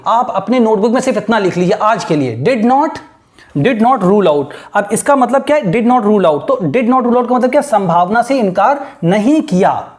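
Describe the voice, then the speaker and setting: Male tutor, Hindi explainer, reads English phrases slowly, self-answering questions, frequent check-ins. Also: high-pitched, darkish tone. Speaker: teacher.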